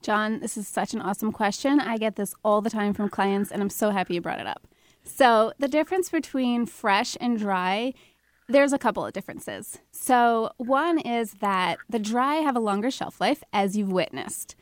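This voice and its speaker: A woman's voice: mid-range voice, normal speed, dry recording, studio quality. A woman with a New York accent, co-hosting a call-in show as a spice expert, talking enthusiastically and laughing often. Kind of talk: radio talk show.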